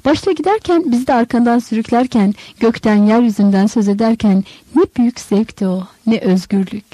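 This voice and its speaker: A woman's voice: a little high, fairly quick, warm tone, dry recording, natural voice. A woman voicing a bitter, furious male apostle who rants and accuses in an audiobook story. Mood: bitter longing. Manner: accusing, ranting.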